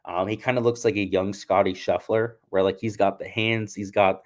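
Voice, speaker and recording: Young man, slightly low voice, chatty, casual, storytelling, golf picks host. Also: fairly even intonation, normal speed. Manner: chatty, storytelling, laughs at himself. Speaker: golf betting channel host. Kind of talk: casual talk.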